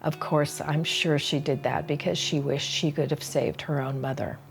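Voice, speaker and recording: An older woman with a low voice and an unhurried pace, teaching through a personal story. Her telling is earnest and confiding, and faint music plays underneath. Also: darkish tone. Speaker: solo-performance teacher.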